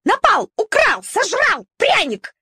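A woman's voice: very high-pitched, wildly swooping pitch, slow, pushed and bright, no echo, clean studio sound, pitched above the performer's own voice, full character voice. A woman voicing a small shaggy old female dog, spiteful and nervous, who squeals shrilly in a storybook reading. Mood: shrieking.

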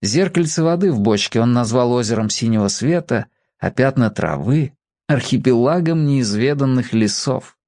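Expressive man reading a story. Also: mid-range voice, moderate pace, no echo, clean studio sound. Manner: expressive, voices the characters. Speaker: reader of a children's story.

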